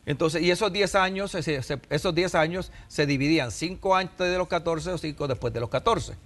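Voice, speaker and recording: A man's voice: a little high, normal speed, a bit bright. A Puerto Rican man in his sixties, an immigration adviser on a TV interview, explaining patiently with examples. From Puerto Rico.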